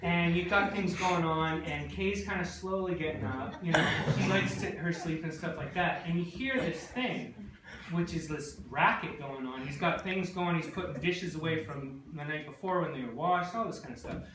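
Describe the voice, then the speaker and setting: A man's voice: on the high side, normal speed. A man in his forties telling a rambling, digressive comic story with many asides to a live audience. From British Columbia, Canada. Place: hall before an audience. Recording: echoey hall, distant mic, loud noise.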